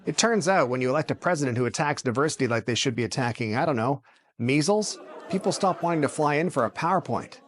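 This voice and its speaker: A man's voice: fairly high pitch, lively intonation, quick pace. A man hosting a scripted late-night comedy monologue, delivering punchy jokes with dry punchlines. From Canada.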